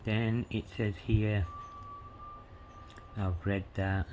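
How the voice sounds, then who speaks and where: Over a noisy background, a man with a lowish, fairly flat voice talks very slowly as he shows his coins. He rambles, filling gaps with "you know" and "yeah," and spells out inscriptions one letter at a time.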